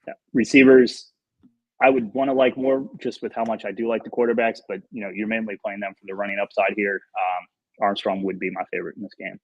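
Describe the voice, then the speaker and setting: A man's voice: lowish voice, steady tone, fairly quick, slightly rough, no room sound, muffled recording. A man co-hosting a sports betting show, giving his picks in a rambling way with many fillers. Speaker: DFS analyst co-host. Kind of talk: casual podcast chat.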